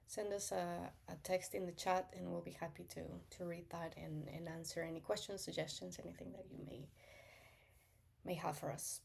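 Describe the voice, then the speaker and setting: A woman's voice: lowish voice, little pitch movement, moderate pace, creaky, darkish tone. A woman hosting a casual livestream, welcoming viewers and talking hesitantly with many fillers. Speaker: livestream host.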